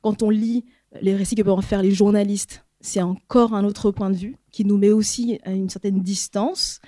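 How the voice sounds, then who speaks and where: A woman from the audience speaks slowly and reflectively, pausing often on "euh" as she builds her thought. Her voice is mellow and darker in tone, and the sound is close and dry. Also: medium pitch, fairly even intonation, no room sound. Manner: careful, reflective, with many hesitations. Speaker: audience member sharing a reflection. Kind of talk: audience comment at a public talk.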